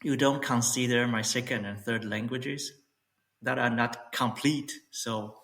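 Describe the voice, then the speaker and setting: A man in his forties from Taiwan, a native Mandarin speaker, chatting as a podcast guest in a relaxed way with many fillers. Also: mid-range voice, a little slow. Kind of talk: casual interview chat. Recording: echoey room.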